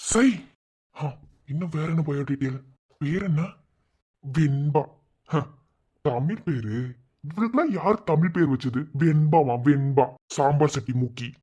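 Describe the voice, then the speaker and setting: A man voicing a scornful, mocking man in an animated cartoon, muttering insults. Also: a little high, slightly rough. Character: sneering man, scornful and petty.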